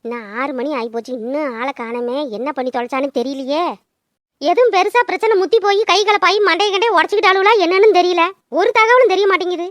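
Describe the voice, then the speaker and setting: Woman voicing a cartoon mother, lower grown-up voice, anxious muttering to herself, dry sound. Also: fast, a bit bright, no echo. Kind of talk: cartoon dubbing.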